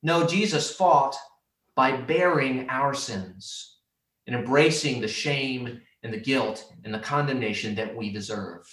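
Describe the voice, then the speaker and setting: A man's voice: mid-range voice, measured pace, a bit bright, reverberant, far from the mic. A man preaching a sermon earnestly, his voice lifting when he quotes scripture. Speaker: pastor.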